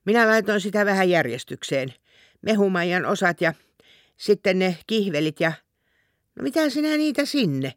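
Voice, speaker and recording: Man doing an earnest, rambling old husband for a storybook; fairly high, dry sound. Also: a bit bright, no room sound. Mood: flustered. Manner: long-winded, earnest rambling. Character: older rural husband, rambling and defensive.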